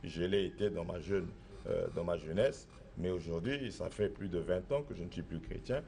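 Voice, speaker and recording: Speaking at a moderate pace in a warm, low-pitched voice with some vocal fry, this middle-aged Congolese man is a traditional spiritual master. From the Republic of the Congo, he responds to interview questions insistently and assertively, going over his points again and again.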